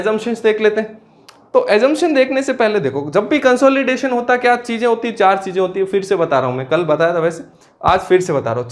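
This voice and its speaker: High-pitched man teaching a lecture. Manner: asks questions and answers them himself, repeating key terms slowly; drops to low, quiet asides on filler words. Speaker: civil engineering exam teacher. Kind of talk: classroom lecture.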